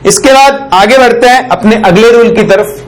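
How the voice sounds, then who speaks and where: A male teacher explaining a chemistry rule, often asking the class a question and then answering it himself. He stops to dictate phrases slowly for note-taking and keeps checking in with a short "okay". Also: very high voice, poor audio. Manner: dictates slowly while writing on a board; ends phrases with a checking "ठीक". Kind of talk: chemistry lesson.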